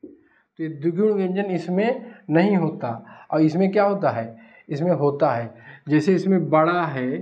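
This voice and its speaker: This man's slightly high voice is unhurried as he teaches Hindi at a board. He poses questions and supplies the answers himself, and the recording is dull and lo-fi.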